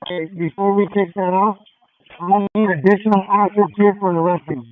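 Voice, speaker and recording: A man working as a police tactical officer gives clipped, procedural radio traffic over a tinny scanner, pausing hesitantly. His voice is high and steady, with no room sound.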